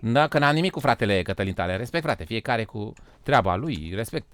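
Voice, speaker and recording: A Romanian man streaming a game live, joking loudly, swearing and calling his viewers "frate", often breaking into shouts and laughs. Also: on the low side, lively intonation. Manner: swears and says "frate" a lot. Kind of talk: live gaming stream chat.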